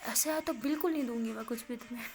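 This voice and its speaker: A woman's voice: fairly high pitch, close to an everyday voice. A woman voicing an exasperated middle-aged mother who scolds with dry sarcasm. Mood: scolding.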